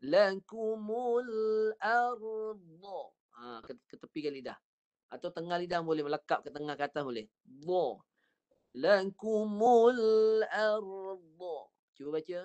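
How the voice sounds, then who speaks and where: A man with a Malaysian Malay accent leads an online Quran reading class over a video call. His voice sits high for a man, and he coaches with patience, stretching out words slowly to demonstrate them. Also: a little mellow. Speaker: Quran recitation teacher.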